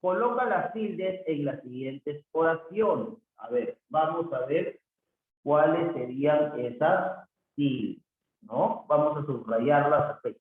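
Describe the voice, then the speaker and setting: A man, possibly, teaching a worksheet lesson on marks, stretching out words and muttering "ya está" to himself as he works. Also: a little high. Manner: drawn-out syllables, self-talk with many "ya está" and "ahí está". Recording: phone-like, very echoey room with faint noise.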